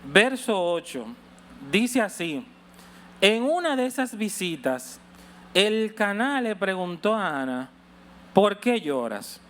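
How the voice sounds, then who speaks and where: A man's voice: high-pitched, very animated, slow pace, fairly bright tone. A middle-aged male pastor giving a sermon in a conversational, storytelling manner, often asking his listeners questions. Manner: conversational storytelling preacher, asks the audience questions.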